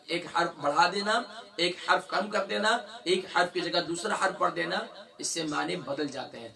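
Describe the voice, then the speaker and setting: A middle-aged man teaching Quran recitation, explaining and then slowly drawing out letters and syllables for students to copy, chuckling often as he talks. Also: high voice, creaky, bright, forceful tone, far from the mic. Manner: demonstrates sounds slowly, repeating letters with drawn-out recitation. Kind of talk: religious lesson with recitation drills.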